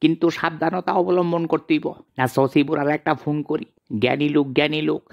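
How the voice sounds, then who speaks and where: A man's voice: a little high, fairly even intonation, fast, creaky, muffled recording. A man in a rustic comedy sketch, chattering and fretting as he schemes. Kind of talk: rustic comic monologue.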